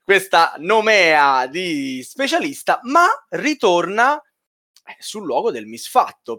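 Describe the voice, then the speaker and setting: A man's voice: a little high, a bit bright. A man hosting a podcast in casual chat, with a playful, teasing manner. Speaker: podcast host.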